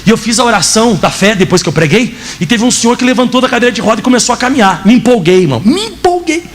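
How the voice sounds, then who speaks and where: Fast, high-voiced preacher. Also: male voice. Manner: animated storytelling, acting out dialogue. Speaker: pastor. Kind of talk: sermon with personal testimony.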